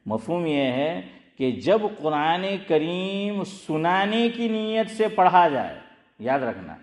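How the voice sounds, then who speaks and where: A man with a fairly high voice and big swings in pitch gives a conversational religious talk in a reverberant setting. He is an Islamic scholar who quizzes his listeners and keeps returning to his central points.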